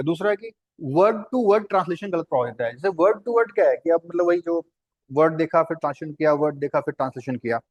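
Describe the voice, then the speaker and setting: A male teacher with a somewhat high voice leads a lesson on Hindi translation. He explains patiently and repeats himself, poses questions to the class and answers them himself. His delivery is conversational and instructive. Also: a little mellow.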